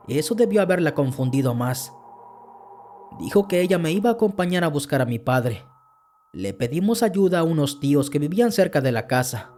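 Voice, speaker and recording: A man telling a first-person horror story as a podcast narrator, earnest and steady. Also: mid-range voice.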